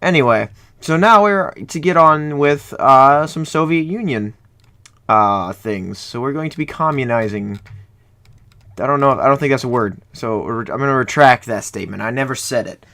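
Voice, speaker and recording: With a bright, forceful tone at medium pitch and a moderate pace, this young man from Ohio, USA riffs on the strategy game in front of him. He's a gaming YouTuber recording in a room at home, rambling, correcting himself, and joking as he plays.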